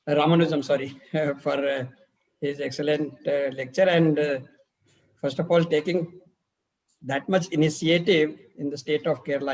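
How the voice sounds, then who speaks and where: Male participant, higher-than-average pitch, halting informal commentary. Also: a little mellow, low-quality recording. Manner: halting, self-correcting. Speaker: conference participant giving comments. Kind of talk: informal, rambling remarks.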